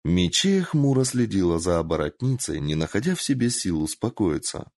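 A man narrating a story aloud with an animated, dramatic delivery. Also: fairly low pitch, normal speed, gravelly, no echo, clean studio sound. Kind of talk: expressive story reading.

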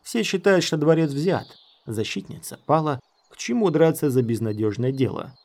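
A man's voice: a little high, expressive, normal speed, darkish tone. Eager young scout, inquisitive, slightly raised voice, read by a male narrator. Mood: questioning. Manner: inquisitive, earnest.

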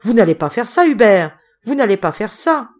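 A woman voicing a panicked older village mayor who shouts and pleads. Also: mid-range voice, lively intonation, normal speed, lightly acted. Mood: pleading.

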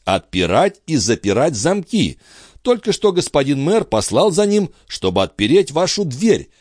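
A man reading aloud, voicing a calm, ironic orator who lectures a crowd in a measured, gently mocking way. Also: mid-range voice, dry recording, clean studio sound, pitched above the performer's own voice.

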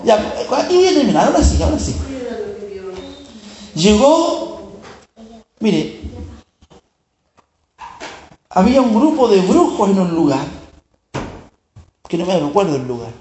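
A man's voice: high voice, very animated, a little slow, pauses often, dark tone. A man preaching a storytelling sermon, often turning to the listener to check they follow. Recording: echoey room.

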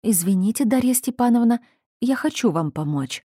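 A woman voicing a kind, timid young housemaid who asks gentle, hesitant questions. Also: a little high, animated, moderate pace, husky, no room sound, clean studio sound, pitched above the performer's own voice. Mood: coaxing.

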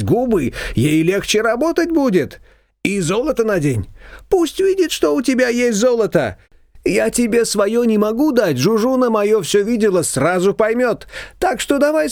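A man's voice: high voice, no echo, clean studio sound, voice pushed up. A man reading an audiobook voicing a bossy, meddling middle-aged female neighbor who scolds and gives orders. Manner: pushy, scolding, rapid-fire demands.

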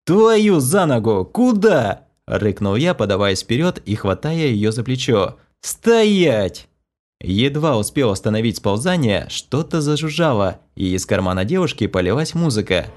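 A man narrating an audiobook in a lively, expressive storytelling voice that acts out the dialogue. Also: on the low side.

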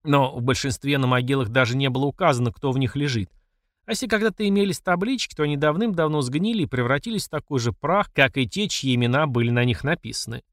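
A man narrating an audiobook with expressive storytelling. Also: medium pitch, quick pace, dry recording, studio quality. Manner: expressive storyteller, voices each character. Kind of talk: scripted narration.

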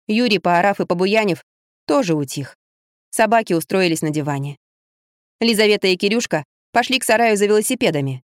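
Woman, audiobook narrator, steady storytelling, dry close sound, mid pitch. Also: no echo. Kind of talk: scripted narration.

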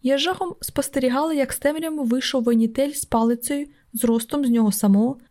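A woman narrating an audiobook in the first person, with steady, measured reading. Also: sits high. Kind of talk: scripted narration.

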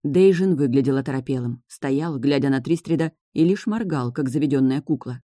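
Brief: audiobook narrator, mid pitch, dry close recording. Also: male voice, moderate pace, warm tone, no echo. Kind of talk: scripted fantasy narration.

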